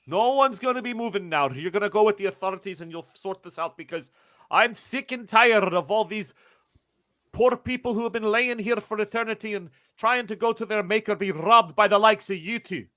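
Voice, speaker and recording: A man voicing a suspicious, threatening cemetery watchman who barks orders at trespassers in a tabletop game. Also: brisk. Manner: barking orders, loud and high-pitched.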